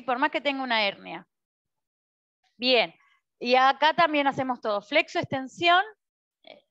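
A woman's voice: high voice, fairly bright tone, dry recording, highs cut off. A woman with an Argentine Spanish accent teaching a Pilates class, cueing movements with frequent checks and encouragement. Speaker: Pilates instructor. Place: Pilates studio.

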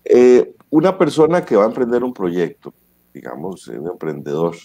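A man hosting a casual chat, speaking in measured, searching phrases. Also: fairly low pitch, big pitch swings, warm tone.

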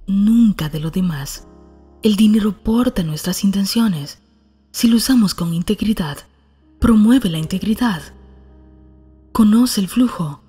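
A woman reading a scripted self-help narration in a calm, soft, breathy manner. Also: medium pitch.

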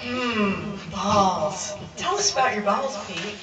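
A woman playing a mild, chatty radio co-host in a live pub comedy sketch, hushed and giggling. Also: medium pitch, lively intonation, takes it slowly, crowd noise. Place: crowded pub. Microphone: handheld mic. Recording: echoey pub, far mic, loud music.

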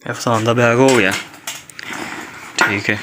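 A man's voice: mid-range voice, flat delivery, measured pace. A middle-aged man with a Pakistani Punjabi accent, casually showing off school supplies for a home vlog and often saying "okay" and "mashallah". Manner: repetitive, with frequent tags like "okay" and "mashallah". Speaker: vlogger. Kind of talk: casual show-and-tell vlog. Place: indoor room at home. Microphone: phone camera held by the speaker. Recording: loud background noise.

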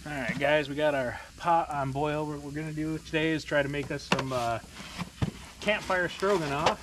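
A man in his thirties with a slightly high voice vlogs at a snowy campsite, talking at a moderate pace and chuckling while he works over a fire pit. It's a laid-back camp cooking vlog, recorded by a camera on a tripod a few feet away. Outdoor ambience, background noise, and a sizzling fire can be heard.

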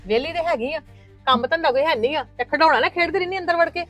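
A woman's voice: high-pitched, quick pace, a bit bright, soft background music. A woman with a Punjabi accent, acting an indignant mother arguing for her children in a scripted family drama. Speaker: married daughter of the house in a family skit.

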